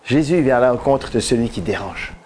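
A male pastor gives a relaxed, conversational sermon. He teases his listeners and drops in quick jokes between points. His pitch sits in an ordinary middle range. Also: a little hiss or hum. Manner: joking, conversational preaching with audience questions. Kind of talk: informal sermon. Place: church gathering held in a café.

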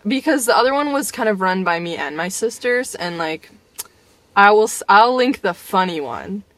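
A woman's voice: medium pitch, expressive, normal speed, a bit bright, dry recording. Giggly young woman co-host. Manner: giggly, laughs often. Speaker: podcast co-host. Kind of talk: casual chat.

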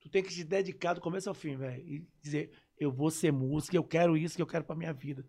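A man, a musician guest telling lively anecdotes on a casual podcast, punctuating them with sound effects. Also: fairly high pitch, fast talker, vocal fry.

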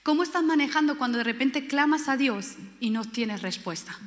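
A woman's voice: sits high, lively intonation, moderate pace. A woman from Spain preaching a sermon with passion, repeating key words and acting out quoted voices. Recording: long hall reverb.

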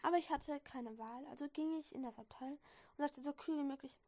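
A woman's voice: sits high, brisk, a little mellow. A woman with a slight cold, casually reading a fan story aloud, stumbling, giggling and correcting herself. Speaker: reader.

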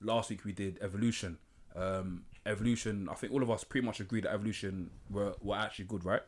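A man's voice: fairly low pitch, steady tone, fast. A man with a slangy London roadman accent, hosting a casual podcast chat. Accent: London, urban roadman. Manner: slangy, street-style talk. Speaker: podcast host.

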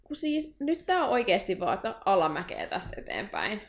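Animated young woman podcast host. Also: mid-range voice. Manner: animated, laughing, exaggerated despair. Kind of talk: casual podcast chat, recapping a book chapter.

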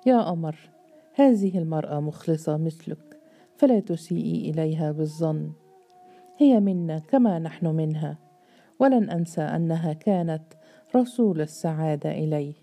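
A woman voicing a calm, kindly man who leads his household and speaks in a quiet, gentle, reassuring way. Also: deep voice, moderate pace, soft background music.

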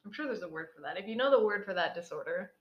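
A woman's voice: mid-range voice, lively intonation, very fast, reverberant, highs cut off. A woman co-hosting a casual podcast, joking and irreverent, from Canada. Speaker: podcast co-host. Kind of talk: casual chat.

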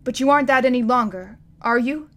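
An earnest young man on the verge of leaving home, as a woman reading aloud puts him on. He asks eager, pleading questions, pitched a little high. The delivery is clear and lively. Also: brisk, close to an everyday voice.

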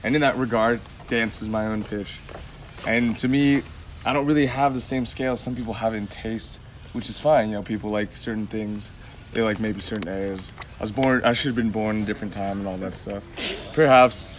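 A man's voice: on the low side, steady tone, brisk, a little hiss or hum. A young man chatting as a guest on a casual podcast, loose and laid-back, filling his talk with "like". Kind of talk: casual chat.

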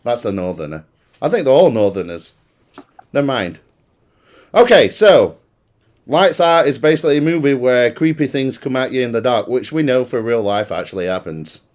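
Northern english guy hosting a podcast, jokey, very animated pitch. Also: moderate pace. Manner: joking, teasing announcer patter. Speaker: podcast host. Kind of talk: casual chat.

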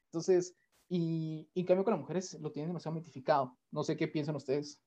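A man's voice: on the high side, steady tone, a little fast, warm tone. A man hosting a casual panel chat, rambling along with many fillers and restarts. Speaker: host. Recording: dull lo-fi sound.

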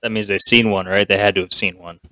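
Man, lowish voice, excitable, filler-heavy, casual podcast chat, dry close mic. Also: fast, no echo. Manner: excitable, animated outbursts, lots of fillers. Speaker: podcast co-host.

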